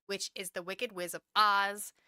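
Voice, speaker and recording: Chatty woman host for a casual recap, bright and dry. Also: medium pitch, level tone, measured pace, clear, resonant tone, dry recording. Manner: chatty, laughs often. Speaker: podcast host.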